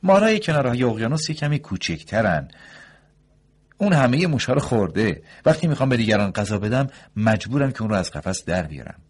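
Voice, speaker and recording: A man voicing a nervous, fussy young doctor in a read-aloud story, his voice pushed high and loud in eager bursts. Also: sing-song, husky. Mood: agitated. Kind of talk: audiobook story reading.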